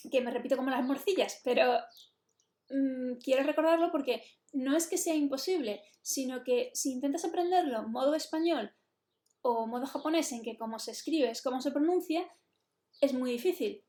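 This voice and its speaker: A woman's voice: high voice, moderate pace, darkish tone. A woman with a Spain Spanish accent, explaining an English lesson in a chatty, explanatory way and slipping in English phrases. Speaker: English teacher. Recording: roomy echo.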